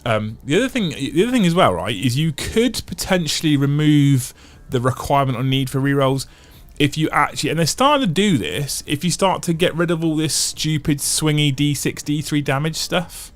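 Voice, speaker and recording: He has a slightly high, expressive voice and talks at normal speed with hardly any pauses, the recording free of room sound. Hosting a casual livestream, he chats and reads viewer comments, thinking aloud in long runs with restarts and repeated phrases.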